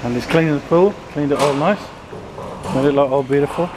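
A man's voice: fairly high pitch, fairly quick, reverberant, noisy background. A man casually narrating a walking tour of a staff compound and its pool, easily impressed and dropping in Arabic phrases. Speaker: vlogger giving a tour. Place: outdoor pool area and indoor pump room of a housing compound.

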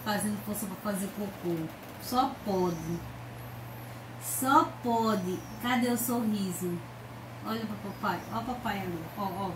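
A mother in her bedroom speaks to her baby in unhurried, medium-pitched baby talk, cooing and coaxing. The camera is held by another person across the room, and the recording is echoey, distant, and noisy in the background.

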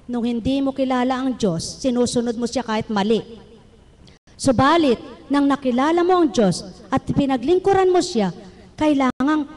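Woman preacher from the Philippines, high voice, rousing sermon, keeps calling questions out to the congregation. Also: moderate pace, darkish tone, big-room sound.

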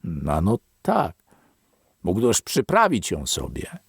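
An eager, curious young man, as a male audiobook reader puts him on, raised in pitch and quick to exclaim. His voice is a little husky and lively in melody, and the recording is dry. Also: no room sound, heavily acted. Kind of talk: audiobook character reading.

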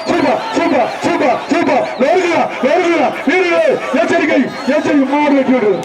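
Man shouting calls over a loudspeaker PA. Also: a little fast, background noise. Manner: repeats short calls, loud excited urging. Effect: booming through a loudspeaker PA. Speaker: event announcer. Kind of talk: live bull-taming event commentary. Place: outdoor arena. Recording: echoey distant PA with a loud crowd.

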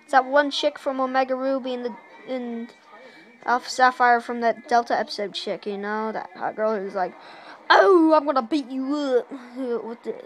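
A young woman giving casual, rambling commentary while playing a handheld game, excitable and full of asides, in a small dim room. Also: on the high side, normal speed, faint music behind. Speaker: gameplay narrator. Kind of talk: casual let's-play commentary. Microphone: handheld camera filming a game screen.

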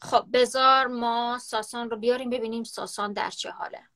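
A woman's voice: a little high, fairly even intonation, bright, forceful tone. A woman hosting a live stream on her phone, chatting, gossiping and teasing her guests. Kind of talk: casual live-stream chat.

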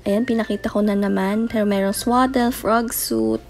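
A young mom vlogger narrates a casual voice-over show-and-tell of baby items, with faint music behind her. Her voice is medium-pitched and steady at a moderate pace, soft like late at night, and she chats while mixing in English words.

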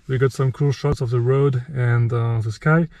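A man in his thirties making a casual how-to vlog about night sky photography, talking in a relaxed way with many fillers, outdoors in a windy desert at night. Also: medium pitch, normal speed, rough recording. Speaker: astrophotographer vlogger. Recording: loud wind noise outdoors.

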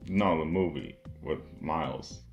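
Very deep, gravelly young man, dry and blunt. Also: unhurried, muffled recording, faint music behind. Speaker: co-host. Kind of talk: casual chat. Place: small indoor room with a decorated table.

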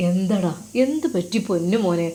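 A woman's voice: lowish voice, expressive, moderate pace, mellow, lightly acted. A woman voicing a tender old religious teacher. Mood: coaxing. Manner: coaxing, tender, questioning. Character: kindly old male religious teacher, affectionate. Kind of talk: storytelling.

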